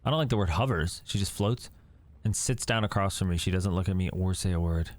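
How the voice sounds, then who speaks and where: Young male let's-play commentator, low voice, nervous and jokey. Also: a little fast. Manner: anxious, joking, reads text aloud. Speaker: gaming commentator.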